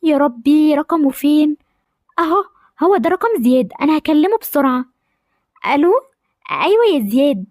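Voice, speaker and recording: A woman's voice: sits high, lively intonation, moderate pace, pauses often, darkish tone, dry recording, studio quality. A woman voicing a shy, cautious schoolgirl with an Egyptian accent, hesitant and worried. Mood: torn. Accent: Egyptian Arabic.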